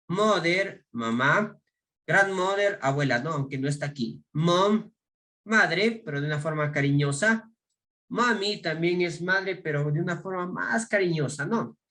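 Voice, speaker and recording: Male teacher with an Ecuadorian accent, higher voice, unhurried classroom delivery, names words and translates them. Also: animated, bright, forceful tone. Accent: Ecuadorian Spanish. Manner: slow, explaining in Spanish and modeling English words. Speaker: English teacher. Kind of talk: recorded online class.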